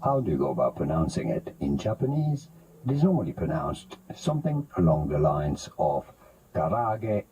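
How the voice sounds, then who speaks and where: A man's voice: very deep voice, big pitch swings, normal speed, mellow. A man narrating a scripted pronunciation guide, heard as noisy playback from a phone.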